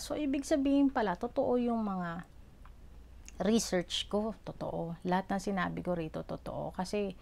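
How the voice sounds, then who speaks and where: Brief: middle-aged Filipino mom vlogger, low-ish voice, earnest and rambling, lots of fillers. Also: female voice, vocal fry, darkish tone. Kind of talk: personal vlog storytelling.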